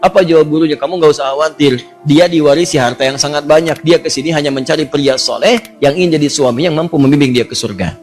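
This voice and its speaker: Animated preacher telling a story. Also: male voice, fast, hardly any pauses, soft background music. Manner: lively, jumps to high voices for characters, asks the audience questions. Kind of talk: storytelling sermon.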